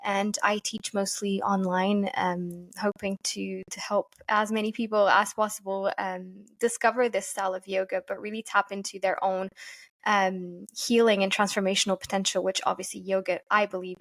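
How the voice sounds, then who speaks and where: A woman's voice: medium pitch, level tone, moderate pace, vocal fry. Earnest woman. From Portugal. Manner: earnest, thoughtful, searching for words. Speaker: podcast guest, yoga teacher. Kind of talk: reflective interview answers.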